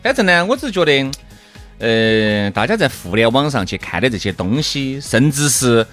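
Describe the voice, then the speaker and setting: A man co-hosting a casual chat show, telling wry stories and giving gentle advice. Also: medium pitch, big pitch swings, normal speed, faint music behind. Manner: wry storyteller, moralizing, laid-back. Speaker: podcast co-host.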